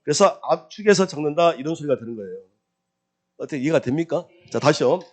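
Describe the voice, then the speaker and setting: A man with a fairly high voice gives an exam-prep lecture on real estate law. He keeps quizzing the class with quick rhetorical questions, answers them himself, and drills key terms by repeating them in a singsong way. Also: expressive, a little mellow.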